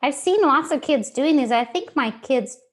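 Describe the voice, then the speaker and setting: A woman's voice: sits high, lively intonation, normal speed. A woman from Texas with a Texan accent, co-hosting a casual, enthusiastic chat over a video call. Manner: chatty, enthusiastic, self-mocking. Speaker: co-host.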